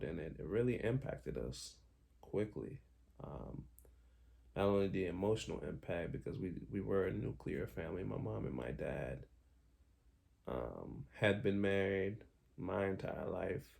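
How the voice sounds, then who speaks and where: A young Haitian man recounts his own life story candidly and reflectively, his low, creaky voice carrying a darkish tone. He says "um" often and keeps correcting himself and starting over.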